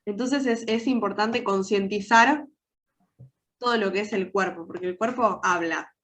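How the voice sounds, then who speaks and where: Congested and nasal from a cold, this Argentine woman, a soft-skills trainer with a Rioplatense accent, runs an online workshop full of questions for her audience. She speaks unhurriedly in a mid-range, slightly bright voice.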